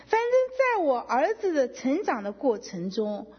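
Middle-aged woman, testimony speaker; husky, animated delivery, long hall echo. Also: sits high, moderate pace. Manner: emotional, animated storytelling with quoted dialogue. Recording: dull lo-fi sound with long hall reverb.

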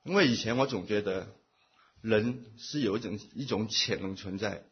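Husky guy, church testimony in short bits, dull muffled sound. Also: fairly low pitch. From Taiwan. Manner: speaks in short phrases, pausing for an interpreter. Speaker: church member giving testimony. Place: church meeting. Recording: muffled lo-fi recording.

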